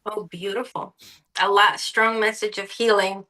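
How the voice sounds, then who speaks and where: Lady giving crystal tips, bright kinda flat voice, warm. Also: mid-range voice, a little slow, low-quality recording. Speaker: tarot reader co-host. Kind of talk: spiritual reading advice.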